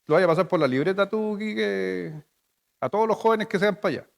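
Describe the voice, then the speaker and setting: A man's voice: sits high, fairly quick, creaky, in a large hall. A male pastor with a Chilean Spanish accent preaching a sermon in a playful, conversational way, telling stories to his congregation. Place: church hall.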